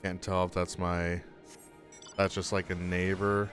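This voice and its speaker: Low-voiced chatty male streamer. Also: level tone, unhurried, fairly bright tone, soft background music. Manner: chatty, upbeat, laughs easily. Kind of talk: casual live game commentary.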